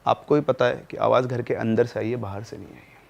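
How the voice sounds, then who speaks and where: A man's voice: mid-range voice, steady tone, brisk, gravelly. A man voicing a frightened girl of nine or ten who insists she is telling the truth, in a spoken horror story. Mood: pleading.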